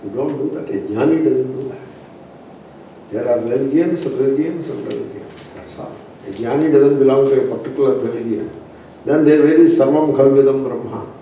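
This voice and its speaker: An Indian-accented man teaches a philosophy class in a mellow, relaxed voice. He speaks with emphatic repetition and pauses. The recording is very echoey, picked up from a distance in a room. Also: medium pitch. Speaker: spiritual teacher. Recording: echoey room, distant mic, faint noise.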